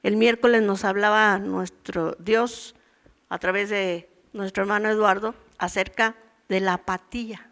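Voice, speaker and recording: A woman's voice: mid-range voice, fairly even intonation, measured pace, a bit bright. A woman in her sixties teaches a women's church meeting in a chatty, storytelling sermon, acting out everyday voices. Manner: conversational preaching, acts out voices from daily life and her past.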